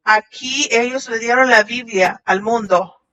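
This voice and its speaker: A woman voicing a Shabbat message in translation, halting at times and restarting. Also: a little high, bright, forceful tone. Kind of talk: translated sermon voice-over. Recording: dull lo-fi audio.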